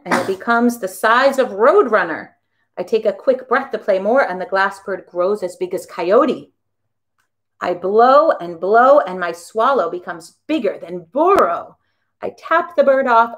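Expressive woman reading a children's story. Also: mid-range voice. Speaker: children's music class teacher. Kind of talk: storybook read-aloud for young children.

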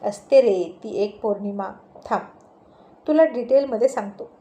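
A woman narrator lends her own mellow, slightly high voice to a mischievous husband in his forties. He jokes and teases his wife in a playful storybook scene. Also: normal speed, natural voice. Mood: teasing. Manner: joking, teasing.

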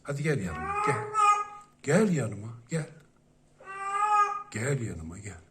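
Man calling his cats over, slow and lilting, gently coaxing, noisy home recording. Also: fairly low pitch, wildly swooping pitch. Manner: coaxing and soothing, many repeated calls. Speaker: pet owner. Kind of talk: casual talk to pet cats.

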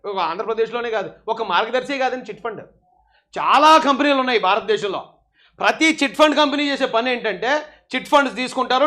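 A man with a very high voice delivers heated political commentary. He mocks and scolds his targets with biting sarcasm, taunting them over and over. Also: a bit bright.

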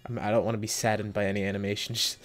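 A young man hosting a mobile game summoning video, talking casually to viewers and yelping with excitement between low muttered comments. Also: fast talker. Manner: excitable, jumps into high yelps when hyped, muttering between pulls. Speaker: gaming video host. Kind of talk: casual gacha summon reaction.

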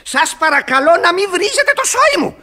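A flustered, stammering young suitor. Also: male voice, high-pitched, huge pitch swings, pushed and bright, exaggerated voice. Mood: indignant. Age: young adult. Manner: stammering, breathless, easily flustered. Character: nervous young male landowner, touchy hypochondriac. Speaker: suitor neighbour in a radio play. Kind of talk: 1960s Greek radio theatre acting.

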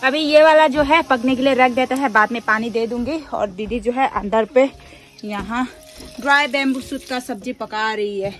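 This young vlogger, whose accent is Northeast Indian, narrates her cooking at a countryside bamboo house, holding the phone or camera at arm's length. Her voice is fairly high, steady in tone and moderately paced.

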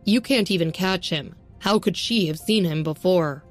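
A woman's voice: on the low side, moderate pace, faint music behind, lightly acted. A woman voicing a brash young man who teases bluntly, in an audiobook-style story reading. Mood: mocking.

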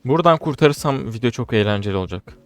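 A young man commentating his own gameplay, getting frustrated and swinging between low muttering and loud outbursts. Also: expressive, fast talker, faint music behind. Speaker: gaming streamer.

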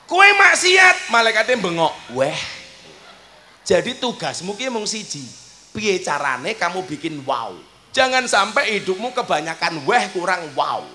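A man with a Javanese accent preaching a humorous sermon at a village gathering, swinging between loud preaching and soft joking asides. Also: high-pitched, big pitch swings, moderate pace, soft background music. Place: outdoor village event.

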